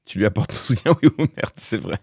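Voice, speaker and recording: A man's voice: on the low side, lively intonation, a little fast, darkish tone, slightly rough, no echo, studio quality. A man streamer giving casual live-stream commentary, thinking aloud with fillers and restarts. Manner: talks through thoughts with fillers and restarts, wry laughs.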